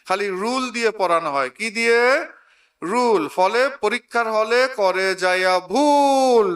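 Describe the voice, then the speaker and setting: A man's voice: high-pitched, pushed and bright, recorded from a distance. A man teaching English to a crowd, saying phrases for them to repeat back. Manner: drills a crowd, repeating words for them to echo. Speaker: English teacher and guest speaker. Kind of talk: call-and-response English lesson. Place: outdoor event ground.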